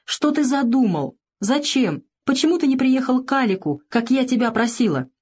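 A woman's voice: medium pitch, animated, normal speed, darkish tone, voice pushed up, natural voice. A woman reading the part of a frightened young woman who sobs and pleads on the phone, in an audiobook. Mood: frantic. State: sobbing.

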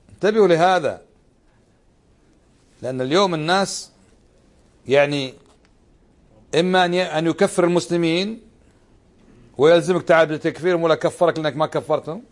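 Man, middle-aged, religious lesson, high voice, rhetorical questions, emphatic repetition. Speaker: sheikh giving a religious lesson. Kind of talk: religious lesson explaining a text.

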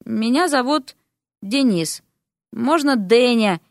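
A weary young prince pleads and rambles in a lively, raised voice, as a woman voices him in a storybook reading. The sound is close and dry. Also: on the high side, slow pace, no echo. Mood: rambling. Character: young man, a reluctant prince, weary and evasive.

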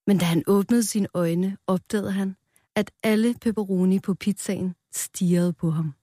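A woman reading a children's story aloud in a calm, playful storytelling manner, close to the mic. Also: mid-range voice, no echo.

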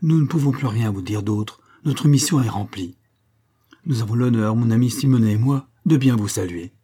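A man's voice: medium pitch, normal speed, mellow, slightly rough, natural voice. A man voicing a heroic French army captain who is proud and out of breath, defiant under torture.

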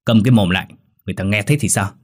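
A man voicing a harsh, bullying old village master who barks orders, with a low husky voice. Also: rapid-fire, close to an everyday voice. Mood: barking. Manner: barking, bossy orders.

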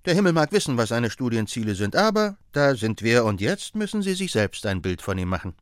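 A man's voice: mid-range voice, very animated, fairly quick, no echo, close to an everyday voice. A man reading an audiobook, voicing a chatty young male hospital assistant who gossips with amusement. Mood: gossipy. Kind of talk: audiobook character voice.

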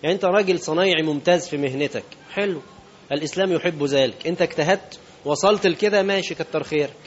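A man's voice: a little high, quick pace, lo-fi sound, a little hiss or hum. A man preaching a sermon in Egyptian Arabic, speaking conversationally and asking his listeners rhetorical questions. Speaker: sheikh.

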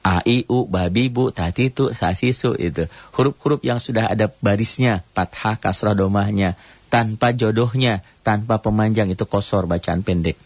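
A man teaching Quran recitation rules on a radio program, explaining each rule in short phrases and now and then chanting a verse slowly at a higher pitch. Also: no room sound, highs cut off. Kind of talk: radio tajwid lesson.

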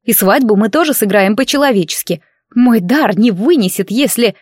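A woman voicing a shrill, insistent young female matchmaker in a fantasy audiobook. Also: lively intonation, normal speed, a little mellow, no room sound, clean studio sound.

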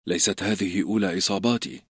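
Audiobook: man reading a steady young swordsman, low and husky. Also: fast talker, dry recording, clean studio sound. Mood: calm. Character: serious young male swordsman, calm and steady.

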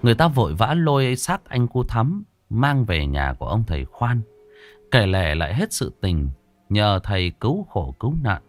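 A man's voice: lowish voice, very animated, normal speed, faint music behind. A man narrating a ghost story with dramatic, varied storytelling delivery.

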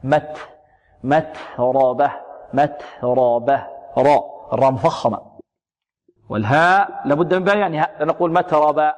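A man teaching tajweed, repeating words slowly, drilling single sounds, asking and answering his own questions. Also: fairly high pitch, expressive, lo-fi sound. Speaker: Quran recitation teacher. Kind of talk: tajweed lesson on pronunciation. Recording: long hall reverb.

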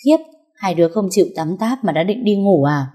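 A woman voicing a domineering, grasping middle-aged mother-in-law who scolds and turns shrill when crossed, in an audio story. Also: expressive, brisk, dark tone, natural voice. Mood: bossy.

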